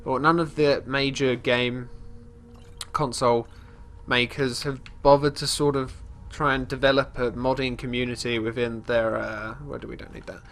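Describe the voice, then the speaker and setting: Faint music plays behind this congested man, whose medium-pitched, slightly bright voice keeps a level tone at normal speed. Hosting a let's play of a fantasy game, he rambles casually and often restarts his sentences. He refers to his character in third person while commenting on what it does.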